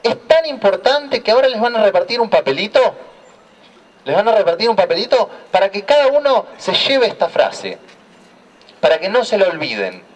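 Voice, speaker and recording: A man from Argentina giving a preaching talk at an outdoor square, telling a story slowly with a repeated refrain. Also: sits high, sing-song. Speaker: church speaker. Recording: voice heard from a distance.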